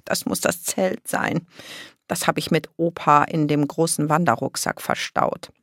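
A woman's voice: deep voice, measured pace, creaky, a bit bright, dry recording, clean studio sound, heavily acted. A woman voicing a cheerful, affectionate grandmother in an audiobook.

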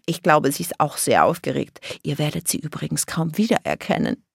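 A woman's voice: sits low, big pitch swings, a little fast, gravelly, slightly rough, dry recording, studio quality, exaggerated voice. A woman voicing a cheerful, affectionate grandmother in an audiobook.

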